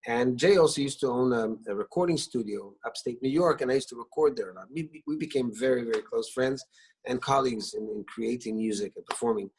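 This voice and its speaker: Poor audio with a bit of hiss or hum carries this fairly quick, medium-pitched voice. He's a singer-songwriter guest, middle-aged, born in Israel with Hebrew as his native language, talking from his living room over video and telling warm stories with frequent restarts and fillers.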